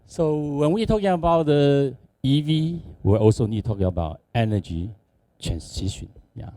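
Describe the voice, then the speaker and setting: A man from Taiwan with a Taiwanese accent, speaking non-native English haltingly as he gives a conference presentation. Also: mid-range voice, lively intonation, dark tone, no echo. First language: not English. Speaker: conference speaker, company executive.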